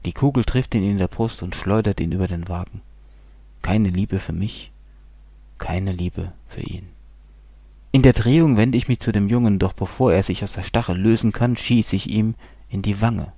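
A man reading a dark first-person horror story, brooding and slow, often dropping into hushed whispers. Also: fairly low pitch, no echo. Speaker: narrator.

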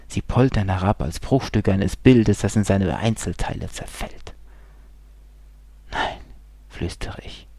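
A man with a low, gravelly voice narrates a bleak horror tale in the first person. His tone is dark and husky, brooding and unhurried, sinking again and again into hushed whispers. The sound is dry and close. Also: dry recording. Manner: brooding, slow, drops often into hushed whispers.

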